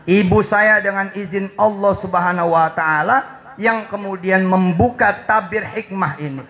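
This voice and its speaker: A male preacher delivers a lively sermon to a gathering. He talks straight to his listeners, repeats key words, and swings from soft asides to shouted emphasis. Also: sits high, a little slow, dull audio. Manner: addresses the audience directly and repeats key words.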